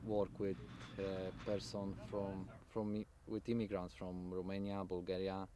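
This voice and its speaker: Man, Polish accent, low voice, very slow, halting, noisy background. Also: little pitch movement. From Poland. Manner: slow, halting, searching for words. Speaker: seasonal farm worker. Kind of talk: interview.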